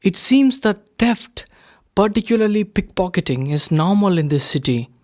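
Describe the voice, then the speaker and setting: A man reading a first-person story aloud in a measured, unhurried way. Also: high voice, animated, darkish tone. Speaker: reader of a story.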